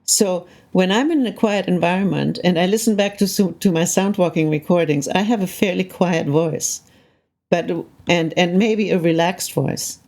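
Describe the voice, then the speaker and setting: An older Canadian woman, a soundscape composer, speaks in a fairly low, slightly mellow voice at a moderate pace. In this reflective, conversational interview she talks thoughtfully and often checks in with "right?".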